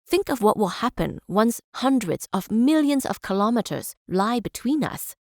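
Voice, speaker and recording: Here the same kind of role appears: an actress plays a measured, idealistic scholar-chancellor, giving scripted game speeches formally and deliberately. Her voice is fairly high and sing-song, the mood earnest, and the studio-quality audio carries no room sound.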